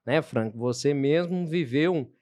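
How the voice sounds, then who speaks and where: A man's voice: a little high, normal speed, darkish tone. A man, a podcast host speaking in a reflective, preacher-like way. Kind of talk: casual chat.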